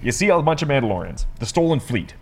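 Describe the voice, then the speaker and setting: A man's voice: mid-range voice, sing-song, a little mellow, slightly rough. A man co-hosting a review show, casually recapping an episode and briefly acting out lines the characters say. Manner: rambling recap with quick acted-out quotes. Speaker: podcast co-host reviewing a TV episode.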